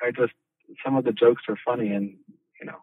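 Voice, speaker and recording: Over a phone call, a man answers interview questions hesitantly, full of restarts and fillers. His medium-pitched voice is husky and steady in tone, moving briskly; the recording is dry, and the line sounds tinny and distant.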